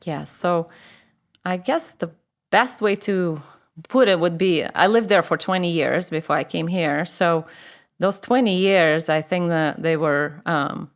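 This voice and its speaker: A woman's voice: fairly low pitch, a little slow. A woman from Moscow with a Russian accent, telling her personal story as a guest in a conversational interview. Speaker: podcast guest.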